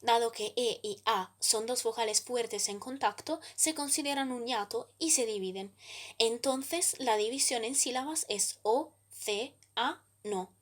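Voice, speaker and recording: Higher-pitched woman reading a grammar lesson. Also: fairly bright tone. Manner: measured reading, slowing down to spell out examples. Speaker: student presenter. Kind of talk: scripted grammar explanation.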